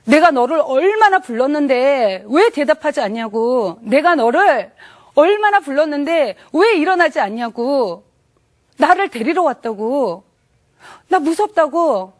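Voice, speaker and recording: A terrified dying man cries and pleads, his voice cracking high with panic, put on by a woman telling the story. The sound is raw and desperate. He never calms. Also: a little slow. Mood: terrified wailing.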